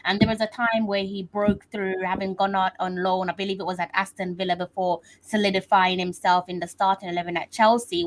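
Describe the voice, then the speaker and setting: A woman co-hosting a football chat, talking in a measured, thoughtful, explanatory way. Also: mid-range voice, rough recording. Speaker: co-host. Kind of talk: casual football analysis.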